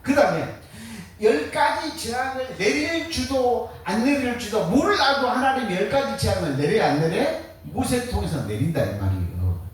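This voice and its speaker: Animated preacher in a very echoey room. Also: male voice, sits high, normal speed, few pauses. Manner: lively rhetorical questions, colloquial, joking. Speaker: pastor. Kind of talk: sermon. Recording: very echoey, distant mic.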